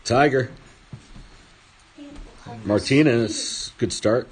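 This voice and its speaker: A man's voice: medium pitch, very slow. A man hosting a casual card break at a table, reading off player names as he opens packs. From Swedish heritage. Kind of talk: casual card-opening chat. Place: indoor table studio.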